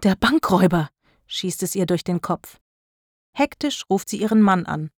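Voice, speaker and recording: A woman's voice: fairly low pitch, animated, no echo. Woman narrating a storybook, dry sound. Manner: clear, measured reading. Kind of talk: scripted narration of a graded reader.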